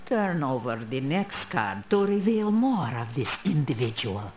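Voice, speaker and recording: Old female fortune teller, video game character, slow solemn delivery, sweeping intonation, mysterious, proud. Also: extremely low pitch, sing-song, noisy background, heavily acted.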